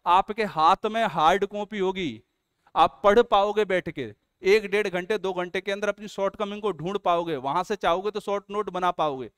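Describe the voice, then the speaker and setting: Man, coaching teacher, high voice, smooth and clear, earnest, coaxing. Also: normal speed, fairly bright tone, dry recording, clean studio sound. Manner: earnest, coaxing, calls students beta. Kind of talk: promotional explainer lesson.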